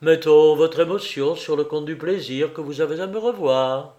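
A man voicing a kindly older male judge who speaks in a soft, reassuring, measured way. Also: on the high side, dull audio, natural voice. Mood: gentle.

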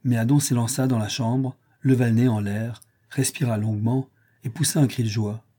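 A man reading a historical novel aloud as an audiobook narrator, steady and measured. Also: mid-range voice, husky.

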